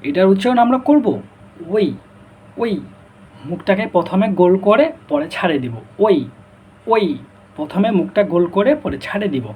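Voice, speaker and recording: A man teaching a pronunciation lesson, saying each sound slowly and repeating it several times and asking the class simple questions. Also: high-pitched, sing-song, darkish tone, breathy edge. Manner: explains patiently with questions to the class.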